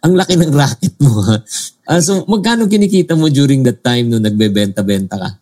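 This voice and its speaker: A man's voice: medium pitch, animated, brisk, a little mellow. A man with a Filipino accent hosting an interview, asking easygoing follow-up questions and laughing along with his guest. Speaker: host. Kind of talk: casual interview.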